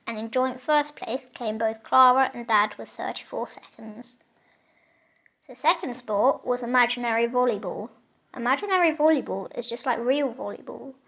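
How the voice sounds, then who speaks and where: Young woman, news-style reader, gravelly, fairly high voice, steady scripted read. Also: rough recording. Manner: reads a written script in a steady way. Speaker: young presenter reading a sports news item. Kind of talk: mock sports news report.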